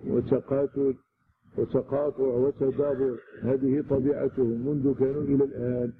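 A man with a Moroccan accent teaches a scripture commentary, explaining point by point and repeating words to stress them. His voice has a gravelly, creaky edge. The recording is lo-fi and narrow, with loud noise underneath. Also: mid-range voice, flat delivery, moderate pace. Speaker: religious teacher.

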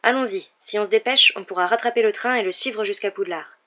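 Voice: mid-range voice, fast talker, natural voice. The audiobook narrator voicing an impulsive twelve-year-old boy wizard in an urgent, eager voice, on a dull lo-fi recording. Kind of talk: audiobook character voice.

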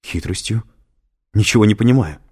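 A man's voice: on the low side, brisk, mellow, slightly rough, voice pushed up. Man voicing a frightened woman scientist. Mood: alarmed. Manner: urgent and alarmed. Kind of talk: audiobook reading.

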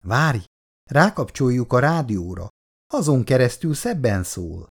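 A man reading aloud voices a calm, clever young woman, the daughter, in a storybook; she speaks in an easygoing, teasing way. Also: mid-range voice, gravelly, breathy edge, full character voice.

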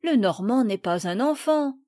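A woman's voice: fairly high pitch, expressive, measured pace, dark tone, no room sound, studio quality. A woman reading the lines of a blunt, sulky young boy in a storybook.

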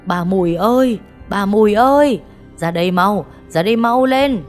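A woman voicing a gruff, stubborn old male village butcher who talks bluntly and scolds. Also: low-pitched, animated, moderate pace, faint music behind. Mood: panicked shouting.

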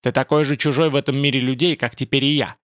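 A man reading an audiobook, voicing a creaky, sinister old male spider-man mage in a slow, gloating manner. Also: mid-range voice, steady tone, dry recording, clean studio sound, natural voice. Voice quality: creaky, clicking voice.

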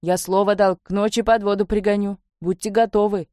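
A woman's voice: medium pitch, steady tone, brisk, mellow, no room sound, studio quality, natural voice. A woman voicing a fierce armed horseman who barks orders in broken, clipped speech. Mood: commanding. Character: fierce armed horseman, grown man, loyal to his word.

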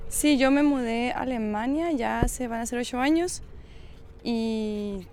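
A woman from Mexicali and the Sonora-California borderlands of northern Mexico, speaking with a northern Mexican accent, gives spontaneous testimony as an activist interviewee and often gropes for words. Her voice is on the high side, unhurried and darkish, with a little hiss or hum.

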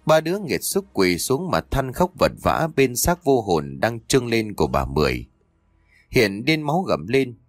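A man narrating a dramatic audio story in a scripted, expressive reading on a close mic. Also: medium pitch, measured pace, no room sound, soft background music.

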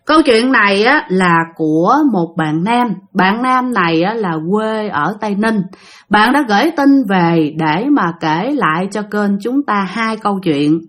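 A woman's voice: medium pitch, lively intonation, a little slow, fairly bright tone. A woman with a Southern Vietnamese accent, telling listener-sent ghost stories in a chatty way, speaking directly to her audience. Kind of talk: spoken storytelling.

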